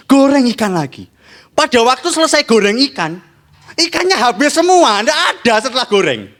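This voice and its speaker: Male pastor, high and lively, spins a comic sermon story and keeps talking to his congregation. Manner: animated, playful, addresses the congregation often.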